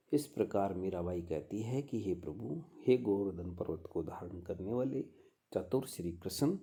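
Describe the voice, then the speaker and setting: Slow, dark-voiced male poetry lecturer. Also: sits low, husky. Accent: Rajasthani Hindi. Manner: slow, measured, chants verses then explains. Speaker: Hindi literature lecturer. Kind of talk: devotional poetry explanation lecture.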